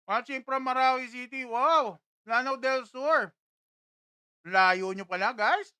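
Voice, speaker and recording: A woman's voice: high-pitched, slow, bright, forceful tone, clear, resonant tone, no room sound. A woman hosting a casual live stream from a studio, greeting viewers one after another and tasting food on camera.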